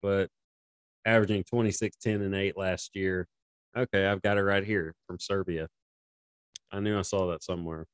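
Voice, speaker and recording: A man's voice: low voice, steady tone, moderate pace, long pauses, clean tone, no echo. A man co-hosting a casual sports podcast, rambling and laughing often as he talks. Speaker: podcast co-host.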